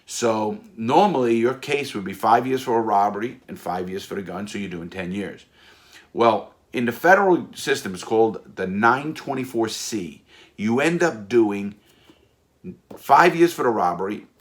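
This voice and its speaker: A middle-aged American man with a deep, low voice tells a story of his own in a casual, spoken way. He is blunt and animated, and he often repeats words and circles back to a point. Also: normal speed.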